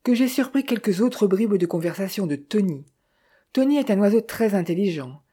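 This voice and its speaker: A patient, courteous middle-aged detective from a French audiobook, as the reader puts him on. He speaks in formal, ornate politeness with a mellow, slightly husky tone. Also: medium pitch, animated, normal speed.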